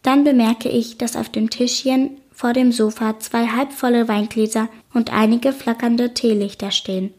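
A woman narrating a children's audiobook in the first person, with lively storytelling. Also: on the high side, moderate pace, few pauses.

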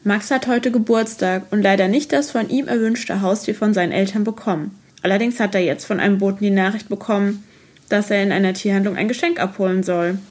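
A woman's voice: mid-range voice, fairly quick, darkish tone. A woman giving a plain summary of a children's book story.

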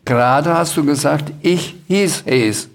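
A man's voice: a little high, slow, gravelly. A man reading aloud and voicing a cheeky, boastful little creature, the Sams, in a storybook. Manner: boastful, bossy.

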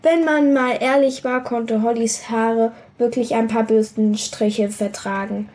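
A woman reads a children's book aloud with a lively storyteller's manner. Her voice sits fairly high. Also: measured pace. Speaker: reader.

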